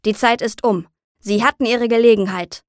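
A woman doing a booming storybook soldier leader who shouts his commands in a firm, clipped way. The voice sits fairly high. The recording is close and dry, with no room sound. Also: steady tone, normal speed, no echo, close to an everyday voice. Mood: harsh. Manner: loud, barking orders.

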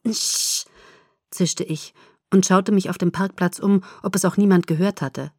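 A woman reading a novel aloud in the first person, measured and expressive. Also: on the low side, breathy edge, dry recording, clean studio sound. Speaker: audiobook narrator.

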